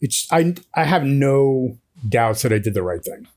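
A man chats as a podcast guest in a measured, deliberate storytelling manner. He talks into a headset microphone at an ordinary middle pitch. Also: animated, darkish tone. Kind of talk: casual storytelling chat.

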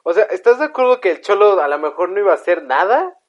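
A man's voice: sits high, sing-song, fast talker. A young man with a Mexican accent co-hosting a podcast, joking, laughing and swearing, sometimes reading a story aloud. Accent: Mexican Spanish. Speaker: podcast co-host. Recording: dull lo-fi sound.

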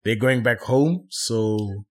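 A man hosting a casual football chat, often pausing with fillers and correcting himself. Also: on the low side. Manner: hesitant, self-correcting, many fillers. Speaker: podcast host.

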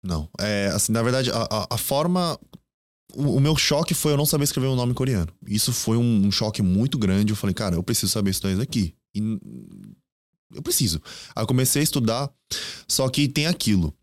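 In a clean, dry podcast-studio recording, a man of about thirty with a Brazilian Portuguese accent appears as a guest, a Korean teacher, on a casual podcast interview. His mid-range voice is animated and brisk as he tells his stories with quoted asides.

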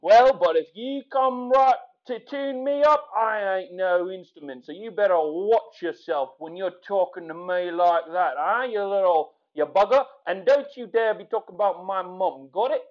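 A man's voice: high voice, moderate pace, hardly any pauses, dull audio, natural voice. A man putting on an as a touchy bloke ready to fight. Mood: combative.

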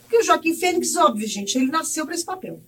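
A woman's voice: sits high, sing-song, fast, fairly bright tone. A Brazilian woman chatting emphatically as a film panelist, often calling out to the group. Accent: Brazilian Portuguese. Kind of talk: casual chat. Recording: voice from far off the mic.

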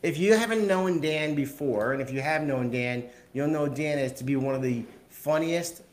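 Man, host of a live video podcast chat; upbeat, slightly higher voice, trips over words. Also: normal speed. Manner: upbeat, stumbles over words and repeats himself.

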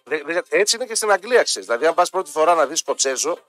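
Ένας άντρας, συμπαρουσιαστής ραδιοφωνικής εκπομπής, που λέει ζωηρά αστεία περιστατικά και μιμείται χαρακτήρες σε χαλαρή κουβέντα. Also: male voice, fairly high pitch, soft background music. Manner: lively teller who mimics characters, laughs often. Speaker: radio show co-host. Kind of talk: casual joking banter.

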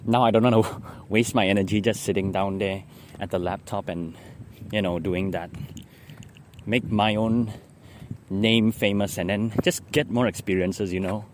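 A man's voice: lowish voice, fairly even intonation, normal speed. A young man with a Singlish accent rambling casually in a diary style, meandering and ending phrases with lah. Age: young adult. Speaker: daily vlogger. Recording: loud traffic and vehicle noise.

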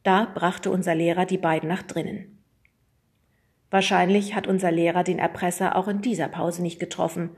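A woman reading a children's storybook aloud, narrating lively and putting on voices for the characters. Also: on the low side, moderate pace. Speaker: audiobook reader.

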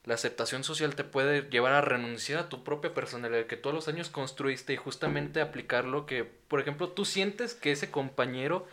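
A young man with a Mexican accent lays out his points in a measured, explanatory way on a casual podcast. His ordinary mid-range voice slips into crude banter with his friends now and then. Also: mid-range voice, pushed and bright. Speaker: podcast co-host. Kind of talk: casual chat.

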